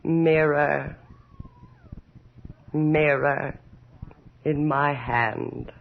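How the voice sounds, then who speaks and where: A dull, lo-fi radio horror recording of a vain, aging countess. She is imperious and desperate, declaiming very slowly in a creaky, theatrical voice. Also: deep voice, fairly even intonation, a little hiss or hum, exaggerated voice. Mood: brooding, despairing. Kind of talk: 1980s radio horror drama acting.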